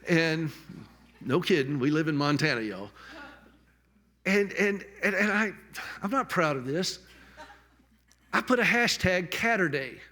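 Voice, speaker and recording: Male speaker, slightly high voice, jokey-tender book-launch tribute on stage, stumbles and restarts. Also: pushed and bright. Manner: jokey then tender, repeats and restarts words. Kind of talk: heartfelt public tribute speech. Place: on stage at a public event.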